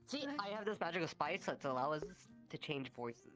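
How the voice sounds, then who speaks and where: Low-voiced woman, playful and teasing. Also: lively intonation, moderate pace, a bit bright, soft background music. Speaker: roleplay player. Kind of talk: casual chat during a VR roleplay stream.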